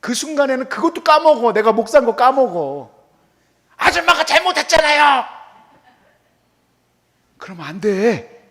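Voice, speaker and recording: A middle-aged male pastor giving a conversational, animated sermon in a church, often acting out quoted remarks. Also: very high voice, a little fast. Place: church hall.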